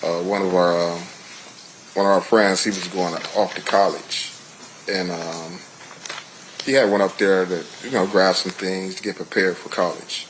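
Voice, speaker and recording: A middle-aged American man giving witness testimony in a casual, colloquial way, halting and often saying "you know". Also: sits low, fairly even intonation, a bit bright, slight background noise, rough recording. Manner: hesitant, halting, peppered with 'you know'.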